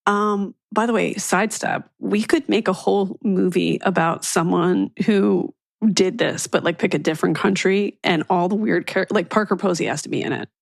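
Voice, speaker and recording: A woman's voice: mid-range voice, moderate pace, vocal fry, few pauses, no echo. A woman hosting a podcast, chatting casually and dropping wry asides and playful jokes. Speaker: podcast host. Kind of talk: casual gossipy chat.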